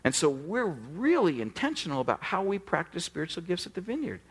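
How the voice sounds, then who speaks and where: A middle-aged man, a pastor, preaching a sermon with animated storytelling and acted-out dialogue. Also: high-pitched, a little fast, husky.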